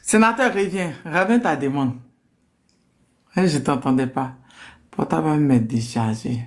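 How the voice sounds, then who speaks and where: A woman's voice: deep voice, normal speed. Woman hosting a live stream by phone. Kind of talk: casual live-stream chat.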